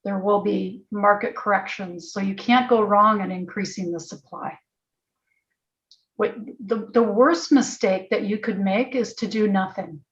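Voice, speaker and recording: A woman who is a housing consultant, explaining earnestly at a public meeting, voice going a little hoarse. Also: medium pitch, a little slow, muffled recording. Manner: earnest, emphatic, restarts phrases while reasoning aloud. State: losing her voice. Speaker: housing consultant presenting to a planning commission.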